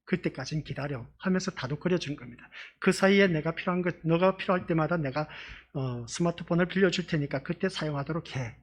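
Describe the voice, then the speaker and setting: Pastor guy preaching in church, fairly high voice, chatty, keeps asking the congregation questions. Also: fairly quick, few pauses. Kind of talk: sermon.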